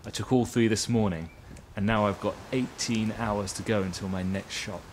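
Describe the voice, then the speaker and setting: An actor in his thirties playing a craving addict with wry, gentlemanly politeness in a short film. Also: fairly low pitch, fairly even intonation, normal speed, slight background noise, natural voice. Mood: brooding, desperate. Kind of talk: dramatic monologue and dialogue.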